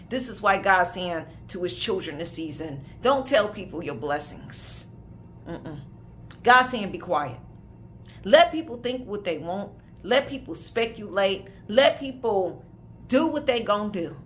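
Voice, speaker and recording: A woman's voice: mid-range voice, fairly bright tone, slight background noise. A woman, preaching a prophetic sermon with emphatic conviction and casual asides. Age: 30s. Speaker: minister.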